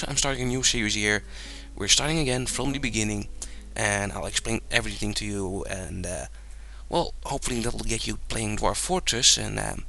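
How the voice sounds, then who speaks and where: A young Dutchman from the Netherlands, his voice lowish and creaky, casually narrates a game tutorial over his screen. He's relaxed and rambling, leaning on plenty of fillers and chuckling often.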